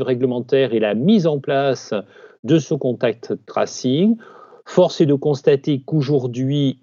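A man's voice: medium pitch, dark tone, dry recording, dull audio. A man who leads a doctors' union, giving firm, persuasive interview answers.

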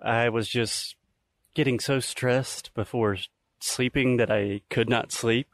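A man's voice: medium pitch, steady tone, takes it slowly, no room sound. A man in his early thirties hosting a podcast in casual, explanatory talk, recorded outdoors on a walk. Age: early 30s. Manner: explanatory, conversational. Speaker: podcast host. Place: outdoors in nature, recorded while walking.

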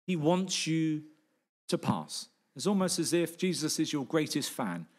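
Man, pastor, sermon, earnest, fairly high voice, repeats key lines. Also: very animated, measured pace. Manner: earnest, rhetorical questions, repeats key phrases.

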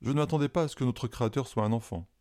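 A man's voice: mid-range voice, very fast, dark tone, natural voice. A man voicing a cautious, formal science professor leading an expedition. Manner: earnest, formal. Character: older male science professor, cautious leader.

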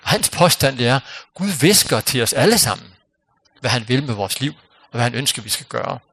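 A man preaching a sermon, earnest and unhurried, dropping to a near-whisper for emphasis. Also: medium pitch, expressive, a bit bright, husky, no echo. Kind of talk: sermon with closing prayer.

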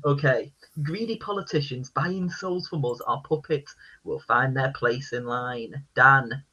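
A man hosts a casual podcast quiz, reading each clue in a deliberately deadpan delivery. His voice is bright and a little husky, and the recording sounds dull and lo-fi. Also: medium pitch. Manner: reads lyrics in a deadpan voice. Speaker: quiz host.

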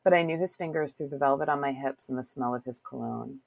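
A woman's voice: a bass voice, fast, creaky, darkish tone, poor audio. A woman hosting a casual interview with a chatty, curious, self-deprecating manner, who also reads a passage aloud. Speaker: podcast host.

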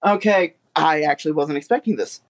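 Brief: tabletop player, mid-pitched voice, descriptive and eager. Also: fairly quick. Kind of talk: tabletop game play.

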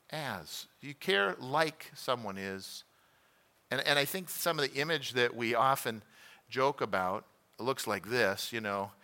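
A man's voice: medium pitch, sharp tone. A middle-aged male pastor teaching a conversational sermon class, telling home stories and asking the room questions. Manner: conversational, self-deprecating, asks the room questions.

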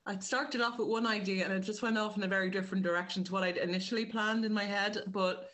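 Talking fast with a steady tone, an Irish writer-director describes her work during a relaxed interview, wandering off and self-correcting. Her medium-pitched voice is fairly bright.

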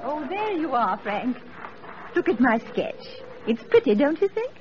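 A performer voicing a cheerful young wife in an old radio drama, lilting and lively. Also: male voice, extremely high pitch, measured pace, voice pushed up, heavily acted. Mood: bright. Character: young wife, bright and chatty. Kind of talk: 1940s radio acting. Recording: muffled old radio broadcast, noisy.

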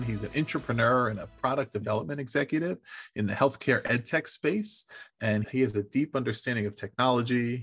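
A man's voice: fairly low pitch, fairly bright tone. A man hosting an interview podcast, asking long, winding questions with frequent restarts. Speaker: podcast host.

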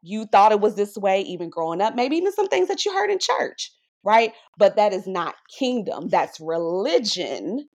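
A woman sharing her faith testimony in a podcast conversation, animated and preacherly, often checking in with "right?". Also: medium pitch, normal speed. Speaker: podcast guest.

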